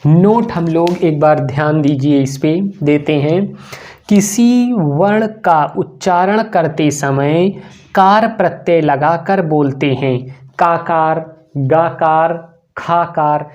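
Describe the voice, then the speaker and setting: A man with a Hindi accent teaching a grammar lesson, dictating slowly, one word at a time, with long pauses. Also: fairly high pitch, darkish tone, low-quality recording. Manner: slow, drawn-out dictation with long pauses between words.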